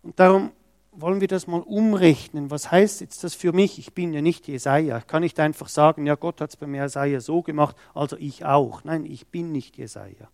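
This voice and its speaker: A man's voice: on the high side, gravelly, a little mellow, no echo, studio quality. A man preaching a sermon, reading scripture and stressing quoted words with emphasis. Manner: slow, emphatic, acts out quoted speech.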